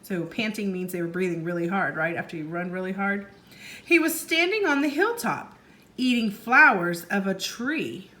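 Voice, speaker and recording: A first grade teacher with a medium-pitched voice reads a story aloud to young children expressively. She pauses now and then to explain things and ask questions.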